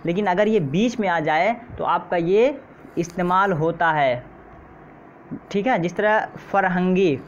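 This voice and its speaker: A man's voice: high-pitched, a little slow. A man teaching an exam-prep lesson who goes through quiz answers, repeats each question and keeps checking in with his listeners. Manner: repeats questions and says "theek hai" often. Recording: slightly dull, faint noise.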